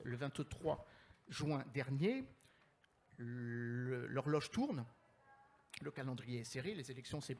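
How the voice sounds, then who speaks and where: A man moderating a conference panel in French, formal and wordy, with measured phrasing and deliberate pauses. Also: on the high side, a little mellow.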